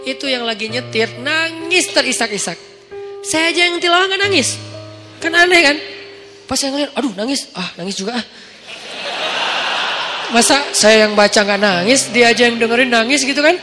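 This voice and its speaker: A male preacher, giving an animated, humorous storytelling sermon and acting out dialogue. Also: extremely high pitch, normal speed, long pauses. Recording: long hall reverb with music.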